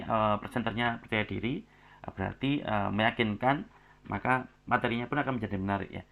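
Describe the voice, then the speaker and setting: Man, lecturer giving class feedback, low voice, gravelly texture, hesitant fillers. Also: fairly bright tone. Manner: many hesitation fillers, ends phrases with "ya". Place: online class recording.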